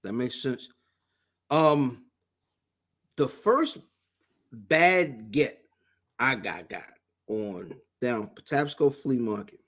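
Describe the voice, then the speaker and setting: A man's voice: medium pitch, animated, extremely slow, pauses often, fairly bright tone. A man co-hosting a podcast, telling loose, slangy stories in casual chat. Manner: laid-back storyteller, slangy, repeats "you know what I'm saying". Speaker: podcast co-host.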